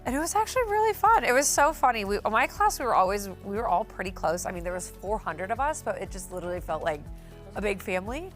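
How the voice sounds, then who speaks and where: A woman's voice: medium pitch, very animated, quick pace. Woman, late twenties, bubbly, giggly, TV studio kitchen, lapel mic, light music. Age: late 20s. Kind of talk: casual chat while cooking on a TV set.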